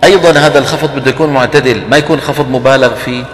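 Man teaching in an echoing hall. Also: medium pitch. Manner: lively and teasing, chanting example words slowly. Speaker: Quran recitation teacher. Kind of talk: lecture on tajweed, mixing dialect and formal Arabic. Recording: roomy hall with long echo, faint hum.

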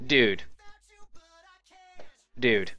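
A man's voice: mid-range voice, very slow, bright, forceful tone, lo-fi sound, faint music behind. A man in his twenties chatting casually as a game live streamer, exclamatory and incredulous, on a close mic. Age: 20s. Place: small room indoors.

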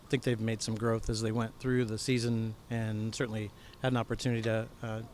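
A middle-aged coach speaks into a handheld mic in a bowling alley after a match. His tone stays flat and he halts on many fillers and restarts, with faint hall noise behind him. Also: fairly low pitch, brisk. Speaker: head coach. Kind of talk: post-game interview. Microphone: handheld microphone.

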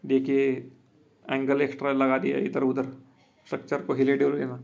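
A Maharashtrian solar business owner and installer records walkthrough commentary on a handheld phone atop an outdoor roof. His mid-range voice is gravelly and a little mellow, monotone at normal speed. He speaks plainly and repetitively, calling viewers his friends.

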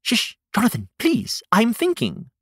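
A man voicing an excitable, theatrical hedgehog art student with grand, emphatic delivery for a children's storytime podcast. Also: very high-pitched, unhurried, slightly rough, no echo, clean studio sound, voice pushed up, heavily acted. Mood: self-important, hushing. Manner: dramatic, grandly emphatic, stretching key words.

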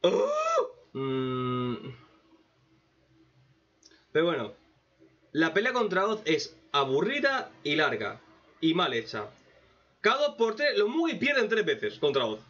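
A man giving a sarcastic, profane anime commentary rant, with mocking asides and sudden loud outbursts. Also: on the high side. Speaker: anime reaction youtuber. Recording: dull lo-fi mic.

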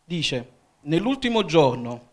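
A man's voice: on the high side, sing-song, slow pace. A man from Italy preaching a sermon as an evangelist in a church, often calling "Amen?" to the congregation. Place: church hall.

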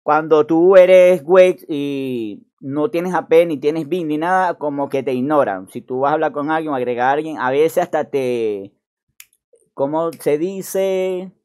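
A man chatting casually over a screen recording of a game, chatty and mock-excited. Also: on the high side, measured pace. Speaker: gaming youtuber.

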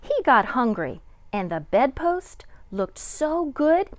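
Reading a picture book to a group of young children, a middle-aged woman who teaches kindergarten delivers it with deliberate, sing-song drama. She sounds high-pitched and highly animated, and the recording has no echo.

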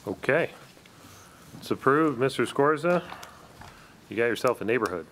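A man chairing a town planning board meeting in a relaxed, casual way with plenty of fillers. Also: mid-range voice, normal speed. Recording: faint background noise.

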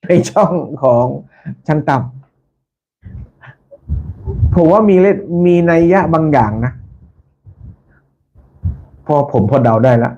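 A man hosting a casual live stream for his followers, talking politely and repeating himself, with soft polite particles at the ends of his phrases. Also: fairly high pitch, lively intonation, unhurried, pauses often. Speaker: channel host. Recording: dull lo-fi sound with faint background noise.

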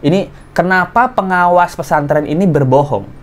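A man hosting an online commentary, reading messages aloud in a lively, exclaiming way, his voice jumping up and down. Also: high-pitched, moderate pace, noisy background. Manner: animated, exclaiming, voice jumps up and down. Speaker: commentary host.

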